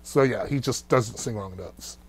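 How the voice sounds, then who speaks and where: A man's voice: medium pitch, normal speed, husky. Man vocal coach explaining techniques. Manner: explanatory, demonstrates vocal techniques with sounds and laughs. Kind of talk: reaction video commentary.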